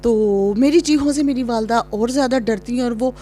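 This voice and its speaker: A woman from Pakistan telling a childhood story to her channel's viewers in a chatty way, growing lively as she acts out scenes. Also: on the high side, faint music behind. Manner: chatty, reenacts scenes with rising excitement. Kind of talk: casual storytelling to camera.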